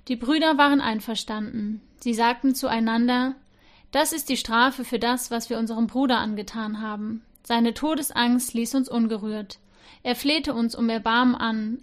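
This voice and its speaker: Woman reading scripture in church, kinda high voice, lively read, acts out the quotes a bit. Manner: reads with expression, voicing the speakers' lines. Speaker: scripture reader. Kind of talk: Bible reading.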